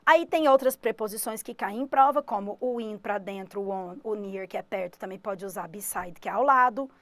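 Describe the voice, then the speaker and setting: A woman's voice: mid-range voice, normal speed, no echo. A Brazilian woman teaching English in a studio, explaining grammar energetically to students in a live online exam-prep class. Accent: Brazilian Portuguese. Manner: energetic, emphatic, shifts between explaining and quoting students.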